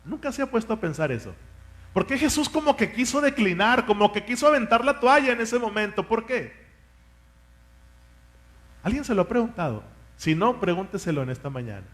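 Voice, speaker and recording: A man's voice: high-pitched, big pitch swings, a little fast, pauses often, a bit bright. A man, a pastor, preaching a sermon with fervent rhetorical questions and asking his congregation to repeat words after him.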